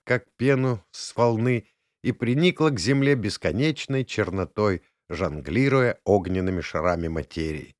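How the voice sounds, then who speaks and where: A man narrating an audiobook in an expressive storytelling manner. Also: on the low side, dry recording, studio quality. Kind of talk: scripted narration.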